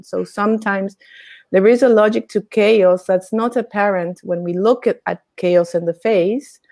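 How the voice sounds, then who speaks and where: A middle-aged Argentine woman, an innovation consultant and coach, talks reflectively and at length as a guest on a conversational podcast, laughing easily. Her mid-range voice has vocal fry and a darkish tone.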